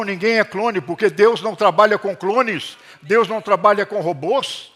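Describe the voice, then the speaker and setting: A middle-aged pastor with a high-pitched voice preaches animatedly to his congregation in a church hall, calling on them for responses.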